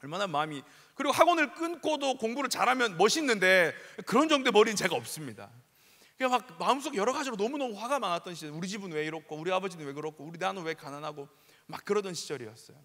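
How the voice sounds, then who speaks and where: A man in his thirties, a youth pastor, telling funny stories in a lively sermon in a large church. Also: high voice, quick pace. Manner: animated, joking, acts out scenes. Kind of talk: storytelling sermon. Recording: long hall reverb.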